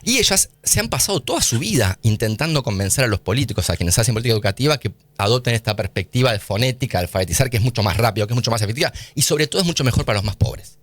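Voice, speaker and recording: Fast, animated Argentine man explaining. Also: medium pitch, no room sound. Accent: Argentine Spanish. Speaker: guest scientist. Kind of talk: radio interview. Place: radio studio.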